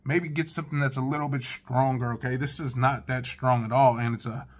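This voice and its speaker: With a steady tone and a mid-range voice, a man in his thirties talks fairly quickly through a casual fragrance first-impressions review. He sits in his living room, laid-back and chatty, addressing viewers head-on.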